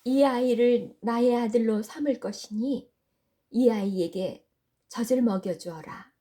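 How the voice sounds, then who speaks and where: A woman voicing a gracious, commanding princess with a stately, measured delivery in a children's story. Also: fairly high pitch, dark tone, natural voice. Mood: composed, commanding. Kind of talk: acted children's Bible storytelling.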